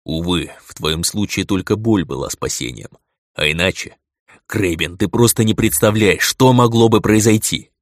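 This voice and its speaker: A man's voice: low voice, lively intonation, brisk, no echo. Guy reading cranky old wolf god, growly and curt, dry close sound. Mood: weary. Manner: brusque, growling reproach.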